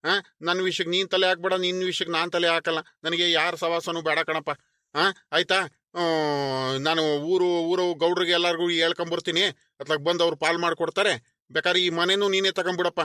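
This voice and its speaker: A man's voice: a little high, flat delivery, a little fast, pushed and bright, dry recording, clean studio sound. A man voicing a resentful middle-aged village man who grumbles, repeats himself and demands his share. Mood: stubborn. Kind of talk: animated cartoon voice acting.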